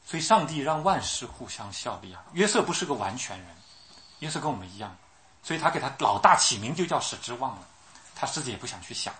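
A man's voice: medium pitch, big pitch swings, fast, sharp tone. A man preaching a sermon. He keeps asking his listeners questions and acts out the voices of the people he quotes. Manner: asks the audience questions, repeats himself.

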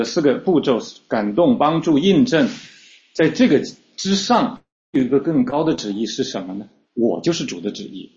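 A man's voice: medium pitch, darkish tone. A man preaching a sermon, teaching scripture in a conversational way with frequent fillers and repeated starts. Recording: slightly dull lo-fi recording.

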